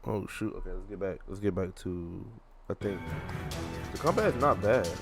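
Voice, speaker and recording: A gaming YouTuber with a lowish voice reacts live to a video, speaking at a moderate pace over loud music. His casual commentary is slangy and rambling, and he repeats himself.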